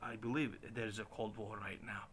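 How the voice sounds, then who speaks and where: Low-voiced man rambling with restarts. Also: level tone, a bit bright, slight background noise. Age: 40s. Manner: halting, many restarts and chuckles. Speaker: stream host. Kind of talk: casual rambling monologue.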